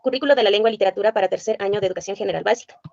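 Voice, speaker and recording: A woman's voice: mid-range voice, very fast, creaky, a little mellow, no echo, muffled recording. A woman reads a curriculum list aloud, spelling out letters and sounds one by one. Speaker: presenter.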